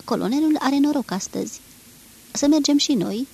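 A woman reading the part of a weary, resigned man who speaks in a flat, neutral way in an audiobook. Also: very high voice, creaky, voice pushed up, full character voice. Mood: quiet, absent. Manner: flat, neutral, matter-of-fact. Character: weary middle-aged man, detached and resigned.

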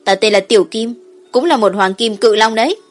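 A woman's voice: a little high, a little fast, soft background music, lightly acted. A woman voicing an eager, friendly little boy dragon of seven or eight in an audiobook.

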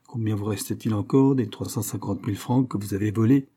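Stern old father, formal and commanding, mellow husky tone, as a male reader puts him on. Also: lowish voice, steady tone, fairly quick. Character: stern aging father, proud and severe.

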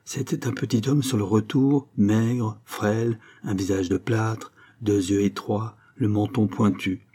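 A man narrating an audiobook in a steady, measured way. His voice is low and dark, with a husky grain. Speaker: audiobook reader. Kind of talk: scripted narration.

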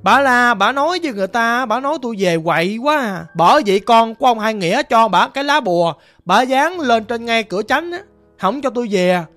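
A vengeful young ghost, voiced by a woman narrator speaks in a Southern Vietnamese accent, plaintive and rambling as she repeats her grievances. Her voice sits a little high, with soft music drifting behind the storytelling. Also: lively intonation, a little fast.

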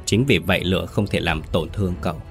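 A man voicing a calm, blind young female spirit medium in a ghost story, speaking coolly and matter-of-factly. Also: low-pitched, soft background music. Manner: cool, unhurried, matter-of-fact.

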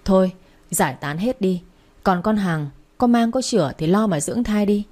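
A woman's voice: medium pitch, moderate pace, darkish tone, lightly acted. A woman voicing a stern, scolding older mistress of a household. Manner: scolding and commanding. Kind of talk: storybook character voice.

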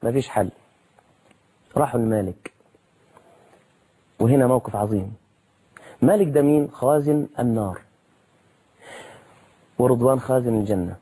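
A man with an Egyptian accent preaching a colloquial sermon in an animated, dramatic way, jumping up in pitch to stress a point. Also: moderate pace, long pauses, slightly rough, low-quality recording. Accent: Egyptian Arabic. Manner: animated, dramatic, rises sharply in pitch for emphasis.

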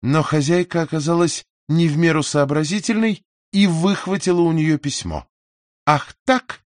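A man narrating an audiobook story in an expressive, measured reading on a close mic. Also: a little high, dry recording. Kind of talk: scripted narration.

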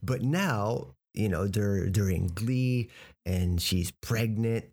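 American guy teaching english words real slow, spells stuff out letter by letter. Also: fairly low pitch, a little mellow. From United States. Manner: patient, breaks words down and spells them out. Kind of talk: explaining vocabulary from a TV clip.

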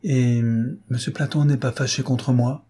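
A man's voice: mid-range voice, level tone, measured pace, mellow, slightly rough, pitched above the performer's own voice. A man voicing an impulsive young woman who pleads like a scolded child in a storybook reading. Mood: contrite.

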